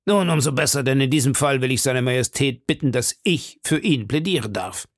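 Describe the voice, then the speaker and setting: A man reads an audiobook in a fairly quick, mid-range voice close to his everyday one, recorded in a studio with no echo. He voices a proud, defiant captain of musketeers, declaiming boldly and insistently in a raised voice.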